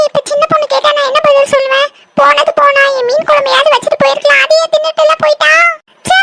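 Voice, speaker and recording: A woman voicing a fussy, nervous middle-aged housewife in a cartoon, talking in a fretful, whiny way. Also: very noisy. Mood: lamenting. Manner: high-pitched, fretful, whiny lamenting. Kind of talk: cartoon voice acting.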